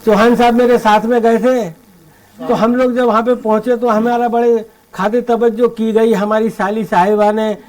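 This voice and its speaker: High-pitched man reciting comic poems. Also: level tone, normal speed, darkish tone, low-quality recording. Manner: theatrical, repeats punchlines for effect. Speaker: poet reciting at a poetry gathering. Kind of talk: humorous poetry recitation. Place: indoor poetry gathering with live listeners.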